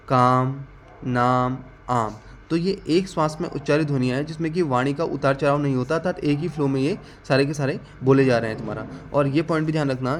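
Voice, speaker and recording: A man teaching an exam-prep grammar lesson, asking the class questions, answering them himself, and repeating key definitions slowly. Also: mid-range voice, slight background noise.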